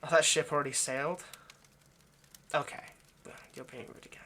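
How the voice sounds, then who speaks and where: Hurt and exasperated, the anxious, lovesick centuries-old vampire kidnapper keeps rambling haltingly and coaxingly straight to the listener in the intimate roleplay monologue. The man's voice sits on the high side, steady, bright and forceful.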